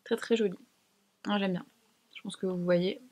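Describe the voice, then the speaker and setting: A woman's voice: mid-range voice, steady tone, moderate pace, darkish tone. Chatty woman reviewing makeup. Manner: chatty, slangy, self-mocking. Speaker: beauty vlogger. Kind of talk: casual makeup review to camera. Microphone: camera mic.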